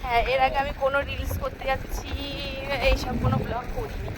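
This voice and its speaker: A woman's voice: high-pitched, level tone, fairly quick. A young woman, chatting directly to viewers in a casual vlog while out on sunny streets. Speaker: vlogger. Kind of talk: casual outdoor vlog chat. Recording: noisy outdoor phone recording.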